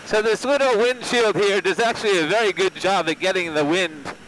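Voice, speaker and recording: A man's voice: high voice, fairly quick, a bit bright, rough recording. A man giving a casual, enthusiastic motorcycle review as he rides, speaking up from inside his helmet. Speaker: motorcycle reviewer and vlog host. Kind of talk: casual motovlog commentary while riding. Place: outdoors, riding a motorcycle. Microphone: microphone inside a helmet. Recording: helmet mic with engine and wind noise.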